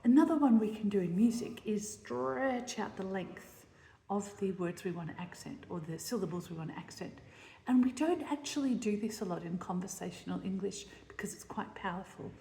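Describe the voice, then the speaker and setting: A woman's voice: mid-range voice, animated, normal speed, dark tone, slight background noise. A woman composer giving a lesson on setting words to music, explaining her ideas as she thinks them through and often checking in with her listeners. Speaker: composer teaching text setting. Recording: roomy space with long reverb.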